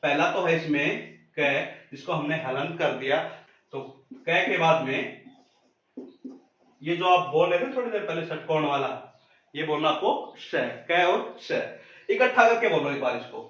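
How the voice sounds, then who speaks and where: A man teaching a pronunciation lesson, repeating each sound slowly and quizzing the listener. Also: on the high side, animated, a bit bright. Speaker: Hindi teacher. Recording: very echoey muffled room.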